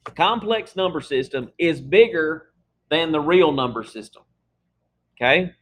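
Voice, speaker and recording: A man's voice: fairly high pitch, lively intonation, measured pace. A man teaching a math class in a casual, conversational lecture, checking in often with his students. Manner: casual, talks through examples with frequent "okay?" checks.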